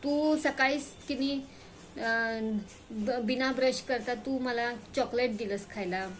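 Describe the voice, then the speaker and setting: Woman putting on a boastful male tooth demon, storybook, bossy, fairly high voice, faint background hiss. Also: takes it slowly, poor audio. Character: mischievous male tooth demon living in a boy's mouth.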